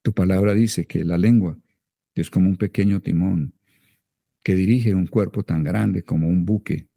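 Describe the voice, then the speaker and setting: Colombian male pastor, very deep gravelly voice, fervent led prayer, slow chanting. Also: warm tone, dry recording, clean studio sound. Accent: Colombian Spanish. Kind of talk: led prayer and speaking in tongues.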